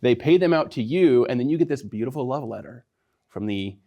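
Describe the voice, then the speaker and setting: A man with a mid-range voice hosts a money talk show, moving quickly through his points. He keeps things conversational and drops wry asides along the way. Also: mid-range voice, animated, dark tone. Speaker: financial advisor host. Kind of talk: explanatory radio talk.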